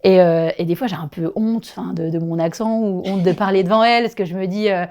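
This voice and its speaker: Lively woman, lowish voice. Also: a little fast. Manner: animated storyteller, laughs often. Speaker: primary school teacher. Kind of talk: casual conversational interview.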